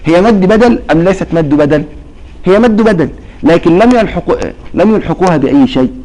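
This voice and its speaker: A man's voice: high-pitched, expressive, brisk, warm tone, poor audio. A man teaching a religious recitation lesson, explaining patiently and quizzing his students with repeated questions. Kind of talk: classroom lesson.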